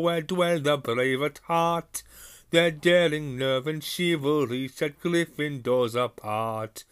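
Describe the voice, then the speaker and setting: A proud old magical hat, which a man voices, recites its rhyme slowly and grandly, pitched up and loud. The voice is bright and forceful, a storybook character with a jovial, booming manner. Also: smooth. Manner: sing-song rhyming recital, slow and booming. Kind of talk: audiobook character voice.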